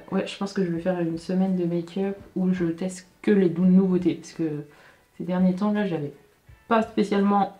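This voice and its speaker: A young woman chatting casually through a makeup tutorial, thinking aloud with many hesitations and self-corrections, often dropping into quiet asides. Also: medium pitch. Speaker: beauty vlogger. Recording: roomy echo with faint background music.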